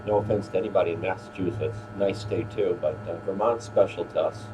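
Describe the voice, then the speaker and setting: An older man with a fairly low voice hosts a casual ham radio exchange. He is courteous and appreciative, speaking in procedure words. A clear humming noise sits behind him. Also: fairly quick. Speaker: radio operator hosting an on-air rally. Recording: clearly noisy, steady hum.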